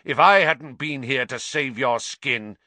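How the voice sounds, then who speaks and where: A man voicing a defiant teenage boy who argues and yells. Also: fairly high pitch, big pitch swings, moderate pace, no echo, voice pushed up. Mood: pleading.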